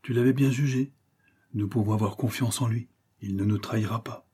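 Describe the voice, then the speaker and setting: Earnest young brother, read by a man, husky and mellow, steady and urging. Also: lowish voice, a little fast. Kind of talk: audiobook character reading.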